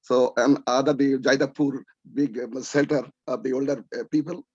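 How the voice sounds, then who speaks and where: A man from Bangladesh speaking up on a video call, rambling and halting, repeating words and losing track of names. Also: medium pitch, fairly even intonation, darkish tone, husky, dry recording. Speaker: audience member asking a question. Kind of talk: rambling audience comment over video call. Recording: dry muffled call audio.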